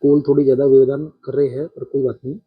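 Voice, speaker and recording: A man with a slightly husky voice teaches a poetry-meter lesson, counting syllables one by one and turning to his students with questions. His pitch sits in an ordinary middle range. The recording is dull and lo-fi. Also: little pitch movement. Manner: counting syllables aloud slowly, addressing students directly.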